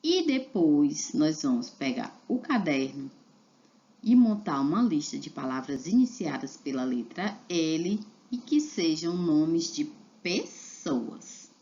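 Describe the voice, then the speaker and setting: Female teacher, low voice, unhurried patient delivery spelling syllables for kids; dull lo-fi recording. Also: big pitch swings, dark tone. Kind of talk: reading a children's literacy lesson aloud.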